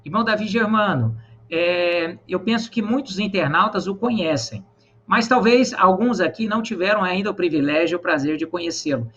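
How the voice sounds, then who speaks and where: A man hosting an online church program, praying and greeting viewers in an earnest, measured way with many pauses. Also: sits high, fairly bright tone, highs cut off. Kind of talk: prayer and live-stream hosting.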